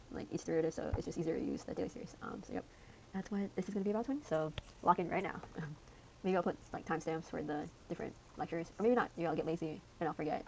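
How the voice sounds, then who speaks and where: A woman's voice: low voice, creaky, a little mellow, slight background noise, rough recording. A young woman casually explaining a math lesson, rambling with lots of fillers and slang. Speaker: student tutor.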